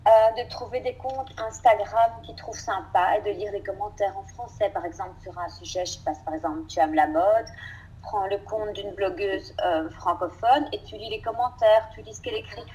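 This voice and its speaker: Mellow-voiced chatty woman teacher. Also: medium pitch, moderate pace, lo-fi sound. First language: French. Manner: lively, laughs often, emphatic repetition. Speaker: French teacher. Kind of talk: casual interview conversation.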